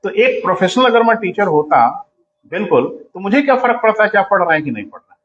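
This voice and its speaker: A man's voice: sits high, big pitch swings, quick pace, muffled recording. A man teaching in a coaching class, lecturing students sternly and calling them "beta" as he explains.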